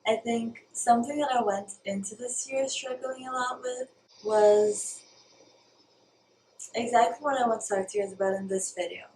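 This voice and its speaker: A young Brazilian spiritual vlogger speaks earnestly to camera in a reflective personal video, pausing now and then to search for the right word. Her voice is on the high side and a little mellow at normal speed, recorded in a roomy space from a distant mic with a little hiss or hum.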